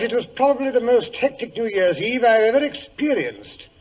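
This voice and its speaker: An older British doctor from a 1940s radio play, genial, fussy and a little bumbling. His voice sits rather high for a man and is husky. The old recording is dull and muffled. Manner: bumbling, muttering asides, avuncular. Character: amiable, fussy older English doctor recounting old adventures. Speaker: storyteller and sidekick.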